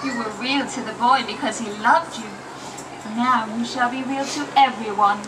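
A woman playing a gentle, kindly nursery fairy in a children's puppet show. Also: fairly high pitch, normal speed, noisy background, close to an everyday voice. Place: puppet theatre, heard from the audience. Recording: distant puppet theatre recording, music behind.

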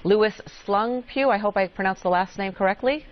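A woman's voice: medium pitch, moderate pace, dull audio. A woman news anchor conducting a live interview.

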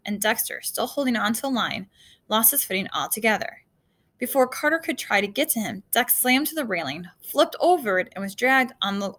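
A woman reading an adventure story aloud in a casual, homely way, with a rather high voice. She stumbles now and then and corrects herself, chatting to her listeners between passages. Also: a bit bright. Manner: casual read-aloud with slips and asides to listeners. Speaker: reader of a children's novel.

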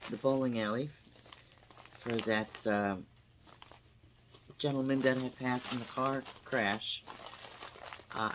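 A woman vlogger unboxes her yearly yarn haul at home, chatting unhurriedly and reading the labels aloud. Her voice is very deep, and the background is noisy.

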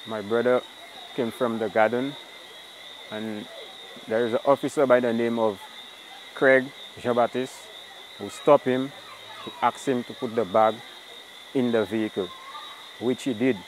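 A man's voice: medium pitch, steady tone, a little slow, pauses often, slight background noise, poor audio. A man giving interview testimony, telling events step by step. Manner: plain step-by-step account. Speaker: victim's brother.

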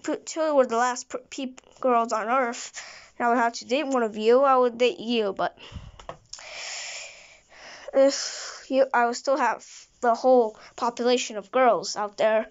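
A woman's voice: a little high, steady tone, measured pace, clean tone, natural voice. A woman voicing a blunt, trigger-happy male police officer who rambles and restarts his sentences. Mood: offhand. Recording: dull lo-fi recording.

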